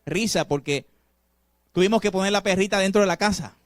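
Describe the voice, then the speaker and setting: A man preaches a sermon in a high voice, pressing his points with sudden swings from loud to hushed. He speaks straight to his congregation with rhetorical questions. The sound is dry, with little room echo. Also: brisk. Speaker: pastor.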